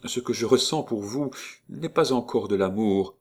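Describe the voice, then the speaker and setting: A man's voice: lowish voice, normal speed, a little mellow. A man reading aloud and voicing a proud, desperate young noblewoman in a veil, earnest and pleading.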